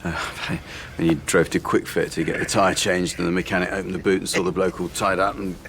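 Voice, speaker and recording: A man's voice: sits low, little pitch movement, fairly quick, a bit bright, a little hiss or hum. An actor playing a nervous comedian held hostage, stammering and placating, tripping over his words. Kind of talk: television sitcom acting.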